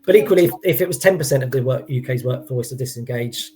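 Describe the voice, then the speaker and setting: A man's voice: mid-range voice, fast, mellow. A man giving an informal expert explanation, hesitant, often restarting and qualifying his points. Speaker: employee engagement consultant as guest.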